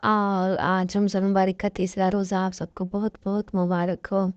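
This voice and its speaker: A woman teaching Quran recitation with an Urdu accent, patiently explaining rules and sounding out each syllable slowly. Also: medium pitch, little pitch movement, clear, resonant tone, dry recording, lo-fi sound. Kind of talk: slow spelled-out lesson with drawn-out syllables.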